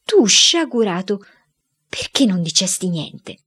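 A woman voicing an indignant mother who shouts and scolds her son in a read-aloud story. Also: medium pitch, lively intonation, brisk, lightly acted. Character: scolding, shrill-voiced mother.

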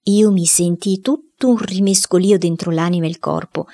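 A woman narrating a children's novel in the first person, reading in a lively, expressive way. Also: on the low side, normal speed. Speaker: audiobook reader.

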